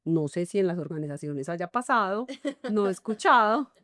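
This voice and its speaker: Woman, middle-aged, Colombian paisa accent, expressive interview guest, dry close sound. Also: fairly low pitch, moderate pace, no room sound. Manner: animated, acts out little dialogues. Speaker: guest, enneagram coach. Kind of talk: conversational interview.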